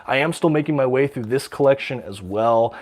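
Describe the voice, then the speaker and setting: A man's voice: medium pitch, fairly quick, darkish tone. Enthusiastic man chatting on a livestream. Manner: enthusiastic, many ums and uhs, reads out viewer questions. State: slightly out of breath with a cold. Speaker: livestream host showing his comic collection. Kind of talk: casual livestream chat.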